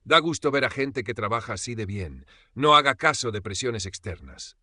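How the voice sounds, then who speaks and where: Tired old inspector, read by a narrator. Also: male voice, big pitch swings, normal speed, no echo, heavily acted. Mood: approving. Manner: quiet, low-voiced. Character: tired older male health inspector.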